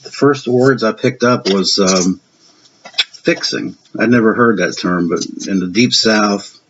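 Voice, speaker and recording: A man's voice: fairly low pitch, unhurried. A man in his fifties or sixties with a Southern US accent, chatting casually and rambling a little as he shows off his film collection. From Virginia, USA. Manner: chatty, rambling, self-deprecating. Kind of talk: casual show-and-tell vlog. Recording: dull lo-fi sound with faint hiss.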